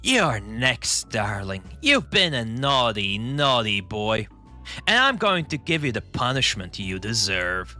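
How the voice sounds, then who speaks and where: A man's voice: medium pitch, sing-song, slow, sharp tone, soft background music, pitched below the performer's own voice, full character voice. A man voicing a haughty female dominatrix fighter from a game, reading her lines in a sultry, teasing way.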